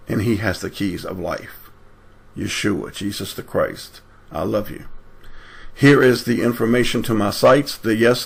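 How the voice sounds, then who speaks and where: A man preaching online with fervent delivery, swinging between loud emphatic passages and low intimate asides. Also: creaky, husky. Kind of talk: impassioned preaching.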